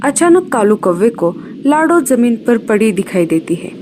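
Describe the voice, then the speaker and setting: A woman narrating a scripted cartoon story in an expressive storytelling manner. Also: fairly high pitch, normal speed, background noise.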